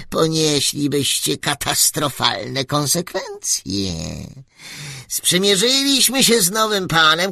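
A man voicing a tiny fanged creature ruler who speaks through a megaphone in a squeaky, gloating voice of grand threats. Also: vocal fry, bright, forceful tone, no echo, full character voice. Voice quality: squeaky, piping little voice.

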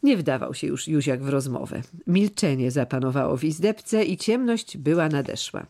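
An audiobook narrator, a man with a fairly high voice, reads a classic novel in a measured, even storytelling style.

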